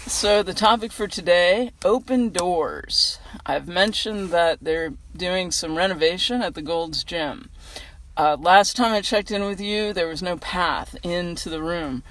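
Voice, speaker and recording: A woman's voice: lowish voice, measured pace, a bit bright. An American woman giving a casual inspirational reflection outdoors in a parking lot, talking in a chatty, earnest, conversational way. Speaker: vlogger giving a weekly inspirational message. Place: outdoors in a gym parking lot in freezing cold.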